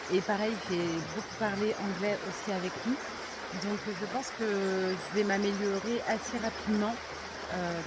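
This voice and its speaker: A woman talking casually to her phone camera while walking a countryside trail, upbeat and full of filler pauses. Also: medium pitch, background noise. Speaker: vlogger walking a pilgrimage.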